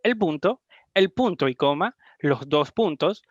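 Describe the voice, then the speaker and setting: A young man with an Ecuadorian accent announces the topics of a class presentation and lists them in order. His voice is somewhat high, and the recording is dry and slightly muffled. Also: expressive, unhurried, no echo. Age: young adult. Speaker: student presenter. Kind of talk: read class introduction.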